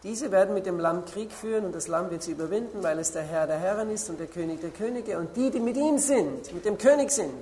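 A woman preaching a sermon, slowly stressing key words and pausing to look up Bible verses. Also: medium pitch, dark tone, a little hiss or hum.

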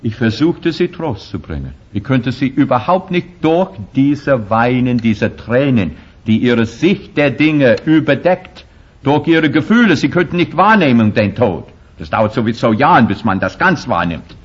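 A man with a husky, slightly breathy voice preaches with strong emphasis. His German grammar slips here and there. The recording sounds dull and lo-fi. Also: medium pitch, expressive, measured pace. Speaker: pastor. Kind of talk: sermon.

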